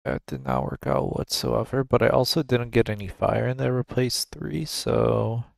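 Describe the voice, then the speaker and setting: A man's voice: medium pitch, normal speed, vocal fry, no room sound. A man streaming a game, casually thinking aloud about his moves at a desk microphone. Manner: relaxed, musing, thinking aloud. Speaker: gaming streamer. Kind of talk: casual gameplay commentary.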